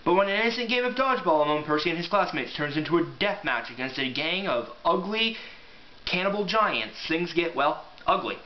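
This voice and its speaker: A man with a fairly high, animated voice talks a little fast, casually rambling as an amateur book reviewer and reading aloud from a book in an offhand, informal way. The recording sounds echoey and muffled, with faint hiss.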